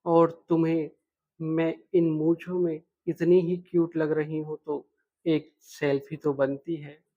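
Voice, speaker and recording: In a dull lo-fi recording of a read-aloud love story, a man with a fairly high, warm voice speaks slowly and flatly as a frank young woman student. His portrayal is direct, playful and lightly teasing.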